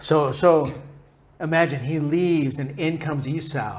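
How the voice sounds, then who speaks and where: Slow, casual American-style preacher man. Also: fairly high pitch. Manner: conversational, playful, acts out characters. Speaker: preacher teaching through interpreter. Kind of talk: casual Bible teaching.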